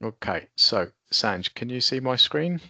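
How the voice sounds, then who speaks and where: A man's voice: medium pitch, animated, measured pace, vocal fry, bright, forceful tone, no echo. A man hosting a business webinar over a video call, presenting in a loose, conversational way. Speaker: webinar host. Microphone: computer mic on a video call.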